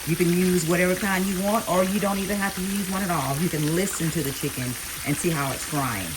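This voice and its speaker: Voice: medium pitch, fairly even intonation, fairly quick, noisy background. A home cook giving a casual, plainspoken step-by-step cooking tutorial, repeating the key points. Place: home kitchen beside frying food. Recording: loud frying sizzle over the voice. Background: sizzling oil and kitchen sounds.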